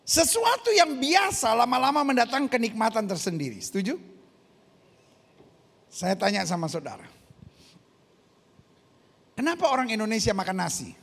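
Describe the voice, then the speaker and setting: A man preaching a sermon, animated, questioning the congregation and acting out voices. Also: extremely high pitch, moderate pace, long pauses, husky, in a large hall. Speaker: pastor.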